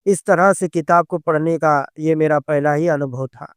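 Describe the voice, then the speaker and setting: A man reading a first-person story aloud in a steady, even storytelling delivery. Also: on the high side, moderate pace, clear, resonant tone, no room sound, studio quality.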